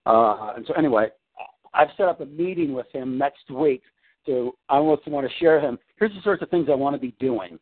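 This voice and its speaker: An animated, brisk man with a mid-range voice rambles about his work during a casual coaching call from home. Fillers and restarts run through his speech, heard over a tinny phone line.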